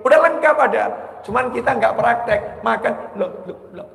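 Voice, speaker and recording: A man's voice: very high voice, moderate pace, creaky, fairly bright tone. A man preaching a sermon in a mosque, telling stories with humor and teasing his audience. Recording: echoey hall reverb.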